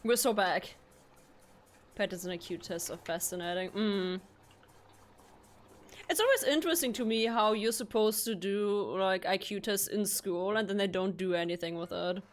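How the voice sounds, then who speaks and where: A woman chatting casually while streaming a video game, rambling along with quick self-corrections. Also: medium pitch. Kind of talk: casual chat while gaming.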